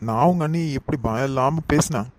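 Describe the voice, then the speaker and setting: A man doing a devoted young husband in a cartoon, coaxing and soothing in a Kanyakumari Tamil accent. His voice sits at an ordinary male pitch over a noisy hiss. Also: a little fast, a little mellow, natural voice.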